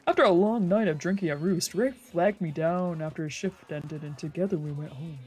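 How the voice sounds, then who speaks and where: With faint game music in the background, a streamer narrates a visual novel in let's-play style, reading dramatically, making up character voices, and tossing in casual remarks. The voice is medium-pitched and fairly quick.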